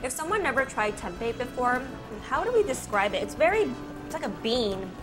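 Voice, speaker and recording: A woman's voice: a little high, big pitch swings, a little fast, over music. A young woman hosting a food vlog, bubbly and enthusiastic, laughing often while tasting dishes. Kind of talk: casual food vlog chat. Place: small casual eatery, indoors. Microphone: lapel mic.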